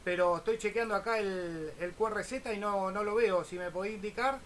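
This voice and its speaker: A man with a Buenos Aires Argentine Spanish accent chats casually during an amateur radio contact, spelling out call signs in the phonetic alphabet. His voice sits high and fairly bright, at a moderate pace, with faint noise behind it.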